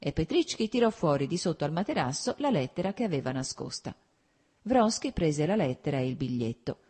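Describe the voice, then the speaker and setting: A woman reads an audiobook in a calm, measured way, with a low voice. Her tone is husky and a little breathy. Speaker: audiobook narrator. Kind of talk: audiobook narration.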